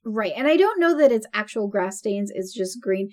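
Her medium-pitched, darkish voice has lively intonation and a moderate pace. She's a podcast co-host in her forties, chatting casually, laughing a lot, and leaning on many fillers.

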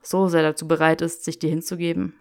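A woman voicing a lovestruck young wizard, speaking low and wry. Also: flat delivery, fast talker, a little mellow. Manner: murmured, wry.

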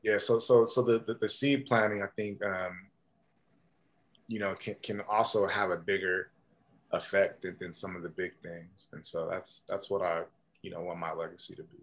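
A man telling stories as a podcast guest in a casual, animated way, with many fillers and restarts. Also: low voice, moderate pace. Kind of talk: casual storytelling.

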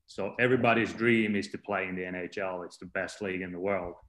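A Finnish strength and conditioning coach, appearing as a podcast guest, gives plain-spoken, explanatory answers. His low-pitched voice is steady, fairly bright, and quick, and the room sounds echoey.

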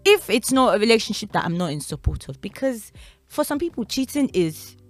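A woman co-hosting a podcast, thinking out loud in casual chat. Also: mid-range voice, sing-song, fairly quick, no echo, faint music behind. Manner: thoughtful, reasoning aloud. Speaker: podcast co-host.

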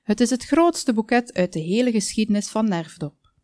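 A woman's voice: on the high side, lively intonation, moderate pace, warm tone, no room sound, clean studio sound, pitched above the performer's own voice, lightly acted. Woman doing a haughty, boastful florist.

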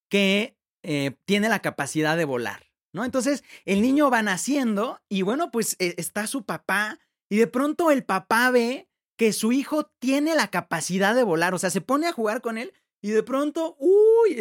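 A man's voice: sits high, expressive. Man hosting a reflective podcast. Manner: conversational, retells stories with quick asides and restarts. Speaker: podcast host. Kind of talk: reflective faith podcast talk.

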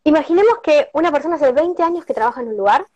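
On a live stream, a prosperity workshop guest speaker, a middle-aged Argentine woman with a Rioplatense accent, gives an earnest motivational talk full of personal stories and tag questions. Her voice sits high with a darkish tone, and she talks fast and expressively. The recording is dry, and the stream audio sounds dull and lo-fi.

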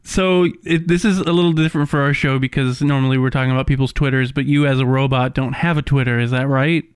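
A man hosting a casual podcast, bantering, laughing often and firing off quick questions. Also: medium pitch, steady tone, smooth, dry recording, clean studio sound. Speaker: podcast host.

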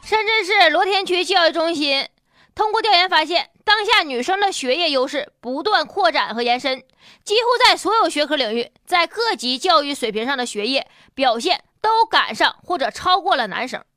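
A woman's voice: sits high, animated, normal speed, pushed and bright, dry recording, studio quality. A woman with a Northeastern Mandarin accent doing sassy, mocking comic news commentary in colloquial language, as a show host. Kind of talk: comedic news commentary with punchlines.

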